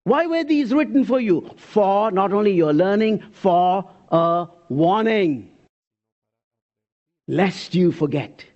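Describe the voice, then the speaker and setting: A man in his sixties preaching a sermon in an animated way, firing rhetorical questions and swinging between loud and soft. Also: high-pitched, moderate pace, hardly any pauses, dull audio. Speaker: pastor.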